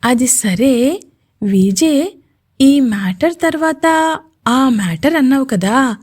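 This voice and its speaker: A woman's voice: sits high, expressive, takes it slowly, darkish tone, heavily acted. A woman voicing a playful young female CEO in a romantic audio story, coaxing and mock-jealous.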